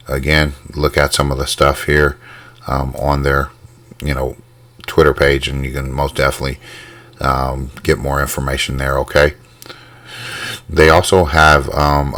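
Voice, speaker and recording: A man hosting a crypto channel, walking through charts on his screen in a halting, casual way with many ums and uhs. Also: very deep voice, fairly bright tone, no echo. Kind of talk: casual screen-share walkthrough.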